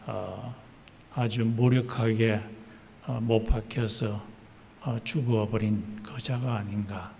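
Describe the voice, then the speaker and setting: A male pastor preaching a sermon slowly and deliberately, pausing often with "uh" fillers. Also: mid-range voice, a little mellow. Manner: slow, deliberate preaching with many pauses and "uh" fillers. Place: church sanctuary. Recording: church hall reverb, faint noise.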